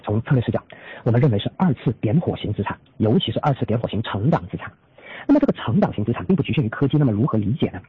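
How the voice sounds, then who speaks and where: A man's voice: medium pitch, expressive, very fast, a little hiss or hum. A man formally presenting prepared market analysis as the host of an investor conference call. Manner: formal, with frequent trailing "a" particles. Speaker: chief strategist hosting an investor call. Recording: tinny phone-line conference audio.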